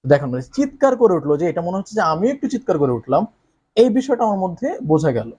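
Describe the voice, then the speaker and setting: A man teaching English who explains how to read a story aloud, often reading lines slowly with exaggerated expression and asking the listener tag questions. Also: high-pitched, sing-song, mellow, breathy edge.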